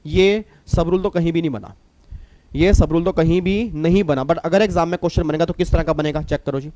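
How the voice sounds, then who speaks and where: A middle-aged man with an Indian accent teaching a tax class, lively, repeating his points and teasing students. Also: fairly high pitch, fairly quick. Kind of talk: recorded classroom lecture.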